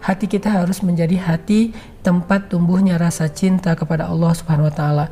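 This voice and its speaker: A man's voice: sits high, steady tone, brisk, dark tone. A male Islamic preacher giving a casual, conversational religious talk, mixing slang with quoted Arabic verses. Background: faint background music.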